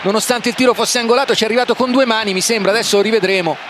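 A man's voice: high voice, racing. An Italian man co-commentating live on penalty kicks, explaining the technique and often repeating his words. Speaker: football co-commentator, analyst. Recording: noisy live stadium broadcast.

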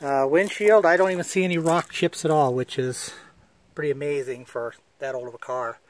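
In a casual walkaround shot on a handheld phone, a man presents his old car both outdoors and inside, talking in a plain, matter-of-fact way with frequent fillers. He speaks at normal speed with a slightly high, steady voice.

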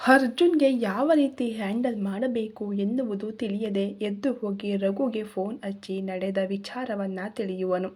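Storyteller, woman; slow, soft narration with a mellow, husky tone. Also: medium pitch.

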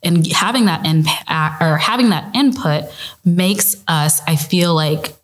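A woman's voice: on the low side, animated, a little slow, a little hiss or hum, low-quality recording. A woman from Des Moines, Iowa, speaking earnestly and steadily as a podcast guest. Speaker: guest, credit union vice president. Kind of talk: podcast interview.

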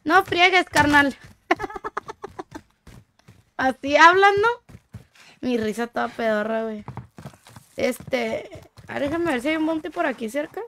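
A woman's voice: high voice, lively intonation, normal speed, fairly bright tone. A young woman from Tijuana, chatting casually and full of slang while she plays a game on stream and reads chat aloud. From Tijuana, Mexico.

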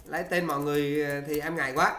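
Bright, chatty tutor in an echoey room. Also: medium pitch, level tone. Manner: chatty and encouraging, many "à" fillers, slows down for English examples. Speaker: English exam tutor. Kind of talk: casual spoken lesson with slow model answers. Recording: roomy, echoey recording.

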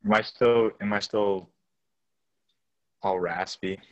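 A man's voice: lowish voice, fairly even intonation, slow, a little mellow, dull audio. A young college student, a man, chatting casually on a video call from his phone, his voice bitcrushed and crunchy from a bad connection, hesitant with ums and restarts. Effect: bitcrushed, crunchy bad-connection audio. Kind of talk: casual group video chat.

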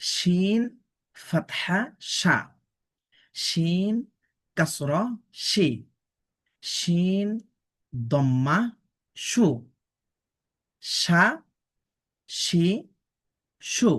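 A woman's voice: lowish voice, very slow, long pauses. A woman teaching Quran pronunciation, spelling out letters and vowel marks syllable by syllable and explaining patiently. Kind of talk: pronunciation drill lesson.

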